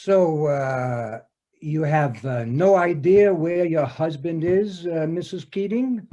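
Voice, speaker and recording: Over a home video call mic, a man in an amateur readers theater performance reads the part of a patient police detective in a comic scene. His voice is on the high side and mellow, the audio is dull, and he sounds probing, speaking haltingly with lots of "uh" fillers.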